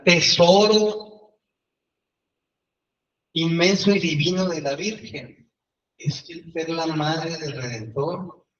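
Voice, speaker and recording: Man, retreat leader, chatty teaching style, slightly high pitch, distant from the mic. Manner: conversational, asks listeners for agreement often. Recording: roomy, distant and dull-sounding.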